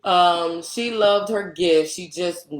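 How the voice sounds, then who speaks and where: A woman's voice: on the low side, takes it slowly. A woman co-hosting a casual live stream, teasing her partner and reading viewer comments aloud. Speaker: co-host of a couple's live stream. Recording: roomy echo.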